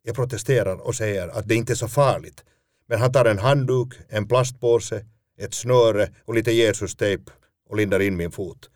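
A man's voice: fairly low pitch, darkish tone, no room sound. A man, a stage actor, telling a first-person story in a dry, self-mocking way.

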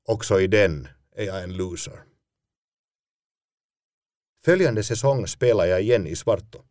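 Low-voiced man telling a self-mocking story. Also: a little mellow, no echo, clean studio sound. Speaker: stage actor telling a personal story. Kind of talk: first-person storytelling.

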